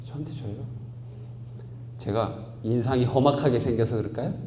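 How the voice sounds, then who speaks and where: A man in his forties preaches a sermon, moving between easy storytelling and loud, emphatic peaks. His voice sits at an ordinary pitch. It rings through a large, reverberant hall over a faint hum. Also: moderate pace. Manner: storytelling with rising emphatic outbursts. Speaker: pastor.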